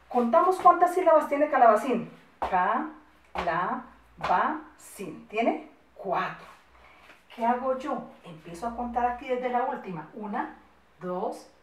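A Colombian woman teaching young children in a lively, swooping singsong, high and expressive. She coos diminutives and drags out each word when dictating. Her voice sits back from the mic in an echoey room. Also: far from the mic. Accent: Colombian Spanish. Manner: affectionate, singsong teacher talk with diminutives, slow spelled-out dictation. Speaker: primary school teacher. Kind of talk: recorded first-grade class for children.

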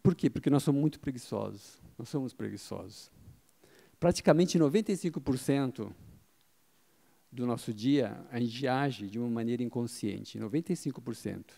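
A man with a gravelly, dark voice of medium pitch speaks at a moderate pace while giving a marketing talk. Using a handheld microphone, he addresses a live conference audience seated in an event hall. He explains, asks and answers his own questions, and says "tá?" frequently.

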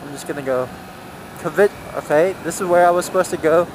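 Out on city roads on his motorcycle, a male vlogger keeps up a loose, rambling commentary, musing aloud while he rides. He speaks a little high and a little fast, and there's background noise.

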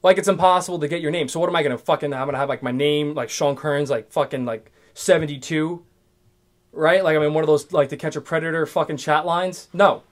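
A man's voice: a little high, steady tone, quick pace. Profane, rambling young man ranting solo. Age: 20s. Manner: profane, rambling, restarts a lot. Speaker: podcast host. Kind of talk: casual solo rant.

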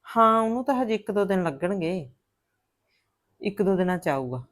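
A woman's voice: mid-range voice, animated, normal speed, lightly acted. An actress playing a worried middle-aged mother-in-law on the phone, with a coaxing, repetitive way of talking. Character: worried older mother-in-law, alone at home.

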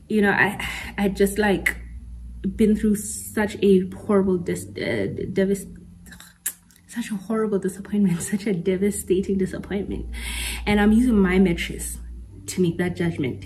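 A woman's voice: mid-range voice, darkish tone, slight background noise, low-quality recording. A young woman in her twenties, chatting candidly and personally as a podcast host, laughing often and dropping in local slang. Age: 20s. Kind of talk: casual personal chat.

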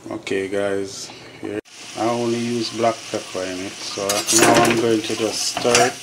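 Slow, low-voiced Jamaican man cooking. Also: vocal fry, heavy background noise. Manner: relaxed step-by-step kitchen talk to viewers. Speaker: home cooking show host. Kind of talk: casual cooking vlog. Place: home kitchen. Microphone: phone camera held over the stove. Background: pots boiling and sizzling.

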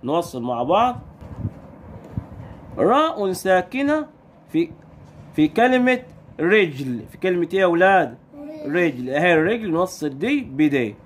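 A man with an Egyptian Arabic accent teaching young pupils their letters, stretching sounds out slowly and firing quick questions at the children. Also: sits high, big pitch swings, slight background noise. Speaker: primary school Arabic teacher. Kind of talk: recorded lesson for young children.

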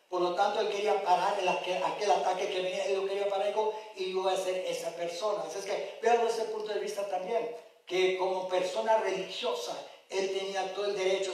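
A man pastor giving an impassioned sermon and putting questions to his congregation. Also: high voice. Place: church sanctuary. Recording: very echoey church hall, mic far off.

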